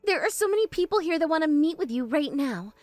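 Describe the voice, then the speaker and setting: A spoiled young bride snaps and whines in a high, darting voice, as a woman acts her out. She is bossy and defensive, and her lines swing wildly in pitch. It is recorded close and dry over faint music. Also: big pitch swings, fast, darkish tone, no room sound. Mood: shrill. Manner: shrill, demanding, defensive. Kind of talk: animated story voice acting.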